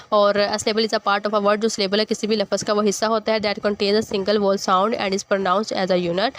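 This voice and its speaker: A woman teacher explaining a school lesson, reading English lines slowly and then explaining each in Hindi-Urdu. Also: mid-range voice, clear, resonant tone.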